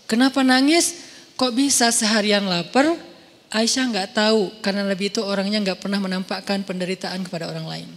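High-voiced man preaching in echoing hall. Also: a little fast. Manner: animated storytelling, acting out voices, joking. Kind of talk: casual sermon. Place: large mosque hall. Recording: hall reverb in a mosque.

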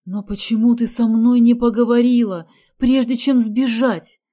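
A woman's voice: a little high, normal speed, dark tone, lightly acted. A woman voicing an anxious, reproachful older governess in an audiobook.

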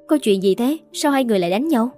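A woman voicing a calm older-sister figure who tries to settle a quarrel, in an audiobook. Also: fairly high pitch, lightly acted. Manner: measured, placating. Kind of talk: audiobook character voice. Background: faint background music.

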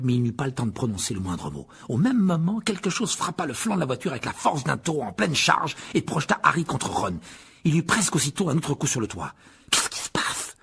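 Man, husky voice, mid pitch, dramatic storybook narration. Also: fairly bright tone. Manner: dramatic storytelling, rising with the action. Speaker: audiobook narrator. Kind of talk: scripted narration.

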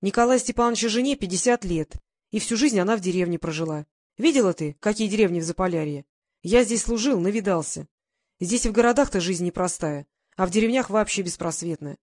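A woman's voice: mid-range voice, animated, quick pace, a little mellow, natural voice. A woman voicing a stern, commanding man. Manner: firm, clipped orders. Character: stern, commanding grown man, blunt and protective.

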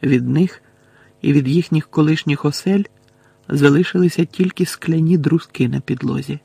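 A man reading a fantasy novel aloud as an audiobook narrator, steady and measured. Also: on the high side, vocal fry, slightly rough, dry recording.

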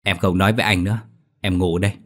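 A man's voice: low voice, fairly even intonation, quick pace. A man voicing a cheeky young man who whines and yelps in fright, in a told ghost story. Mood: shrill. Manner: whiny, shouts in fright.

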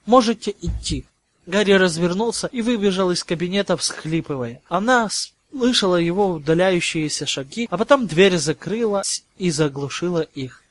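A man narrating a novel as an audiobook, with even, measured storytelling. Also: high voice.

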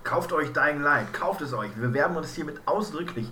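A man's voice: fairly high pitch, animated, moderate pace, bright, forceful tone. A man co-hosting a casual games podcast, joking with dry, ironic banter. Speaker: podcast co-host. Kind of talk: casual game podcast chat. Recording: echoey room, faint background hiss.

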